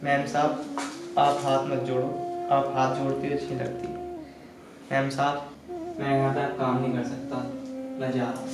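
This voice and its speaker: A man's voice: medium pitch, animated, moderate pace, long pauses, natural voice. A man playing a humble, honest servant. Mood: hurt humble. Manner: humble, pleading. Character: poor, honest young male servant. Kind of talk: village film drama acting. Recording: echoey room from far off over music.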